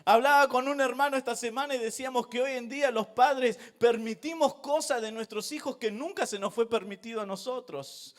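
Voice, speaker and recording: High-voiced preaching man. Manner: animated, emphatic preaching that rises to shouting. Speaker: pastor. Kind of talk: sermon. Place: church.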